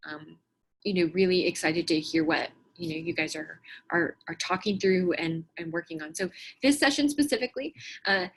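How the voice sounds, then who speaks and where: A woman's voice: medium pitch, slightly rough, poor audio. Woman host, live stream on a video call, chatty and full of ums. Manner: chatty, many ums and restarts.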